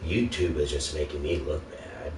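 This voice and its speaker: Man, low-pitched, exasperated gaming rant, sarcastic, heavy swearing, distant mic, noisy recording. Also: fairly even intonation, normal speed. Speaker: video game ranter. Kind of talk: casual, profanity-laden gaming rant. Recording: roomy, noisy, distant microphone.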